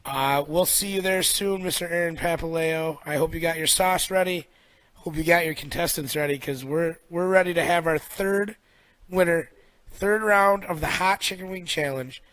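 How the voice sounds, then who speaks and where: A man's voice: on the high side, moderate pace, fairly bright tone, no room sound, rough recording. A man co-hosting a podcast in a teasing, playful way. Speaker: co-host. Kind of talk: casual chat.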